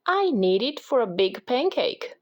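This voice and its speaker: A woman reading aloud from a picture book, voicing an eager, hungry little boy who shouts his lines with excitement. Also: fairly high pitch, measured pace, highs cut off, voice pushed up.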